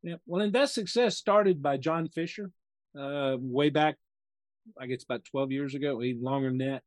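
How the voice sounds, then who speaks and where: A man's voice: mid-range voice, normal speed, no room sound. A man in his sixties from the United States, a guest chatting casually in an interview and telling rambling stories while acting out what other people said. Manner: rambling storyteller who acts out other people's lines. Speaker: podcast guest, real estate investor.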